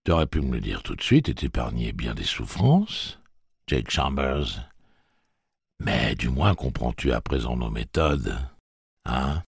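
A man's voice: rumbling low, very animated, measured pace, vocal fry, breathy edge, dry recording, clean studio sound, voice pushed down, full character voice. A man reading an audiobook, voicing a sadistic male gang boss who sneers and makes mocking threats. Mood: sneering. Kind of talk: audiobook character voice.

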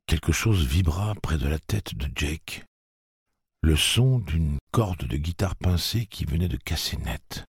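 Very deep gravelly male narrator. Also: dry recording, clean studio sound. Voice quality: gravelly, husky voice. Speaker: audiobook narrator. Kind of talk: scripted narration.

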